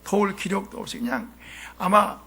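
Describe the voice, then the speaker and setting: A man preaching a sermon as pastor, animated and often asking the congregation questions. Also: sits high, moderate pace, creaky, husky. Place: church sanctuary.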